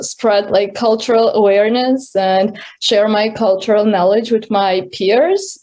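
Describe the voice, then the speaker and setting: A teenage girl with an Armenian accent, speaking earnestly and a little haltingly as a student award winner on a video call. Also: mid-range voice, a little mellow. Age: teens. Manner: earnest, halting, restarts words. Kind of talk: speaking at an online award ceremony.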